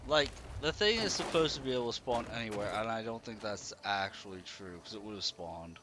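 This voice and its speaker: Low-voiced man grumbling through gameplay, noisy background. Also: animated, fairly quick. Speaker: game streamer. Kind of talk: casual live gameplay commentary. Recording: clear background noise.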